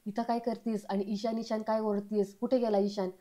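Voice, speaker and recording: A woman reading the lines of a strict, scolding grandfather over 60, in a mellow, level voice. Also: medium pitch, little pitch movement, brisk, lightly acted. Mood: stern. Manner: stern, scolding. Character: strict elderly grandfather, disciplined.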